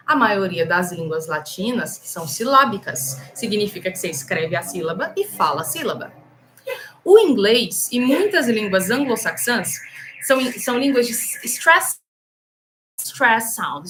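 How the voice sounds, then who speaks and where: A Brazilian woman with a Brazilian Portuguese accent, teaching English in a casual, animated live lesson and talking straight to her viewers. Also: mid-range voice, noisy background.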